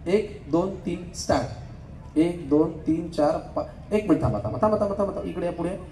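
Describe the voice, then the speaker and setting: Guy hosting a stage game, jokey, counts fast, roomy hall w faint crowd. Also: high voice, lively intonation, dark tone, a little hiss or hum. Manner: joking, rapid counting aloud. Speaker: game show host.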